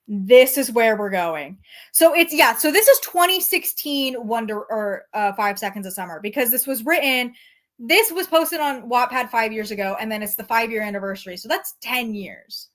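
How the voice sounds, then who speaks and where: Young woman, high voice, casual streamer reading fan fiction aloud with giggly, wry asides. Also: a bit bright. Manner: laughs often through the text, wry asides.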